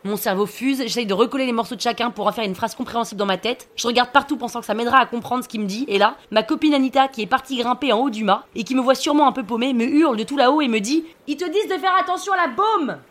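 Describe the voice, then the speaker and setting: A woman's voice: a little high, rapid-fire, hardly any pauses. A woman narrating a scripted comic podcast story about herself, wry and self-mocking.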